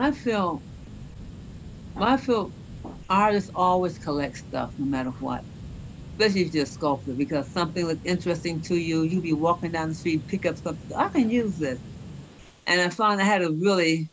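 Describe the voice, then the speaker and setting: Higher-voiced man chatting casually on a call. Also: moderate pace, long pauses, a little hiss or hum, low-quality recording. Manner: casual, rambling, informal grammar. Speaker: sculptor panelist. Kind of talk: panel discussion over video call. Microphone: video call.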